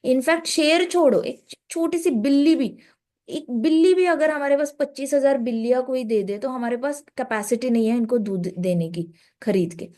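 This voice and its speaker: A woman's voice: high voice, moderate pace, warm tone. Woman giving a casual scripture talk. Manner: conversational, mixes English phrases. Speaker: devotional speaker.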